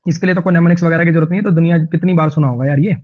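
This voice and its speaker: A male teacher with a Haryanvi-tinged Hindi accent, giving an online vocabulary lesson in a chatty, jokey way with lively anecdotes. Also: on the high side, rapid-fire, lo-fi sound.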